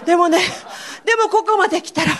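A woman with a playing an excitable, out-of-breath country pilgrim in a church skit. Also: very high-pitched, fast. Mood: excited. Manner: gushing, squealing, chatty.

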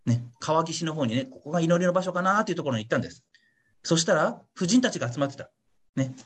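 Fast-talking and husky, this man's slightly high voice carries lively intonation. As a pastor running a Bible study over an online meeting with his congregation, he gives a chatty, playful, casual teaching sermon, repeatedly tagging sentences with a questioning "ne" and doing little character voices for his examples.

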